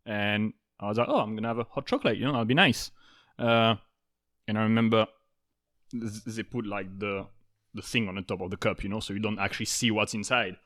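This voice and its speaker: A man's voice: fairly low pitch, steady tone, brisk, fairly bright tone. Laid-back man from France chatting. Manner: laid-back, swears when acting out his shock. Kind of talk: casual chat.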